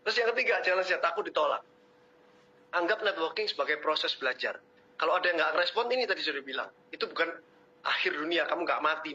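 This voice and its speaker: A man giving a motivational webinar talk, lecturing and teasing his audience in an animated way. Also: fairly high pitch, slight background noise. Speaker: webinar speaker. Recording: muffled webinar audio.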